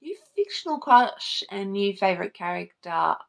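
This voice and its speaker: Very animated yet at a moderate pace, the channel host speaks in a creaky, mid-range voice. It's a casual book tag chat to camera, full of swearing and gushing over what she loves.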